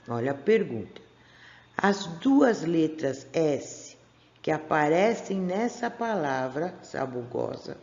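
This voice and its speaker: Uma professora de sotaque brasileiro dá uma aula gravada para crianças do primeiro ano. Ela estica as sílabas com paciência e faz perguntas à turma. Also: female voice, deep voice, creaky, darkish tone, reverberant, highs cut off. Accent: Brazilian Portuguese. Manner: patient, stretches out syllables, asks the class questions. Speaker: primary school teacher. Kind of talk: recorded remote class for first graders. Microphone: camera pointed at a workbook.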